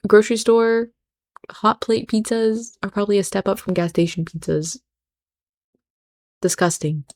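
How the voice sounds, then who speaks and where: A woman's voice: medium pitch, normal speed, a little mellow. A woman hosting a reaction video, giving blunt, sarcastic commentary. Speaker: host.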